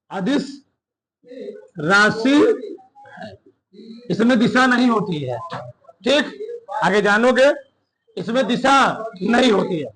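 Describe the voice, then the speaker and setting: A male teacher giving a classroom lesson, dictating slowly and repeating phrases while asking the class questions. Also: very high voice, poor audio.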